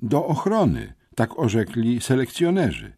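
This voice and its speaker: A man reading an audiobook, voicing a hoarse, embarrassed teenage boy who calmly delivers gang threats. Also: mid-range voice, measured pace, no echo, studio quality, pitched above the performer's own voice, heavily acted. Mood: calmly menacing. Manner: calm, smoothly menacing. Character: hoarse, sly teenage schoolboy racketeer messenger.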